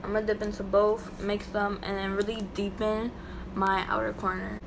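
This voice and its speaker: A woman's voice: mid-range voice, flat delivery, moderate pace. A young woman with a slight lisp from a new tongue piercing, chatting casually through a makeup tutorial at home. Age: young adult. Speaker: makeup vlogger. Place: small bedroom at home, indoors. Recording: clearly noisy home room recording.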